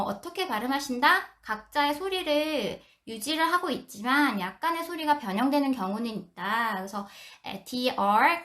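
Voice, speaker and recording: A woman teaching English phonics to parents on a live stream, explaining and slowly demonstrating sounds. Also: high-pitched, fairly bright tone.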